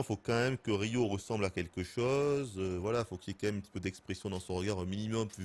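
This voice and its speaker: A man in his thirties giving casual, excitable gameplay commentary as a streamer, laughing and swearing often. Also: lowish voice. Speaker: gaming streamer.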